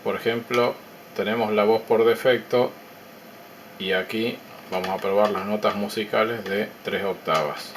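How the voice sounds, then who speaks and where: A man walks through his electronics project in a calm, measured, explanatory tone and pauses between ideas. His voice sits a little low. A faint hiss runs behind him. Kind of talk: technical demo narration.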